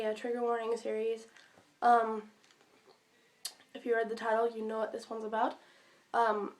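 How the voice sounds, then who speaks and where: A sick teenage girl vlogs to camera while talking around a cough drop, hesitating with many pauses and restarts. Her voice is fairly high and a little mellow.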